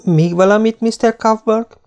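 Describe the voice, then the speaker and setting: A man voicing a fashionable young shop girl, brisk and sugary in manner. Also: on the high side, sing-song, darkish tone, voice pushed up. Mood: perky, polite.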